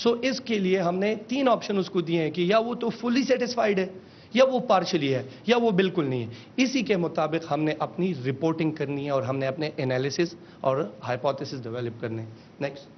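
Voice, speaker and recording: A man, a government official giving a formal press briefing on a system, mixing in English phrases and calling out each slide. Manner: mixes in English phrases, calls out slide changes. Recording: dull lo-fi with faint rumble.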